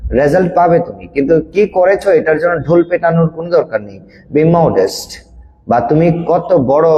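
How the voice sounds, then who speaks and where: A male teacher runs an online English class, giving each word's meaning and then having a student repeat after him. His voice sits a little high for a man. There is a long reverb around him. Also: dull audio. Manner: explains each word patiently, then drills pronunciation with a student. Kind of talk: online grammar class, explaining word meanings. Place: online classroom on a video call.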